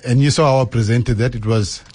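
A man's voice: medium pitch, fairly even intonation, brisk, mellow, husky. Man. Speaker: restaurant co-owner, interview guest. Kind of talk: informal radio interview.

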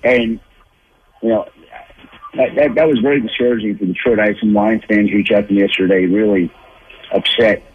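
A man's voice: fairly low pitch, steady tone, fairly quick, long pauses, husky. A man calling in as a football insider, thinking aloud with lots of restarts and repeated words. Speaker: NFL insider guest. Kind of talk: phone-in sports analysis. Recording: tinny phone line.

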